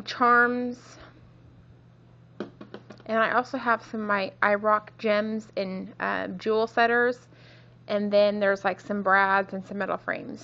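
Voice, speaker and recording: A somewhat high-voiced woman, sick and a bit off in her voice, strolls slowly through her crafting supplies in a rambling, self-correcting way. The home video sounds dull and lo-fi, with a faint hiss behind her. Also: fairly bright tone. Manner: meandering, self-correcting, many ums. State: sick, voice a little off. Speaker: crafting vlogger. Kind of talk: casual show-and-tell tour. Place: home craft room, kids nearby.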